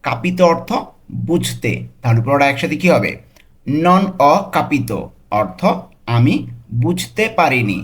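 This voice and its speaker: A man tutoring a language class who slows right down to say each phrase word by word. His voice jumps up in pitch on the phrases he quotes. It sits in a middle register. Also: lively intonation. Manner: breaks phrases into single words, repeats them slowly. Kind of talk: teaching Italian phrases in Bengali.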